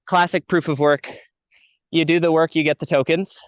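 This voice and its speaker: A man's voice: on the high side, flat delivery, moderate pace, clear, resonant tone, dry recording. A man asking a question on a group call while out of breath from hiking uphill. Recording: dry lo-fi call audio.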